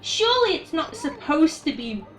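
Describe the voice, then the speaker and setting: A woman's voice: high-pitched, sing-song, moderate pace. A woman streaming a video game, chatting casually and thinking aloud as she plays. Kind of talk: casual chat while gaming. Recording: echoey room, distant from the mic. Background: game music.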